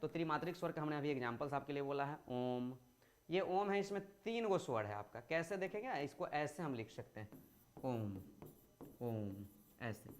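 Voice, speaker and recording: A man with a high-pitched voice teaches a grammar class to school students. He explains step by step, poses questions and answers them himself. He stretches words out to show how long each vowel sound is. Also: animated, a little fast, smooth. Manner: explains patiently, asks and answers his own questions.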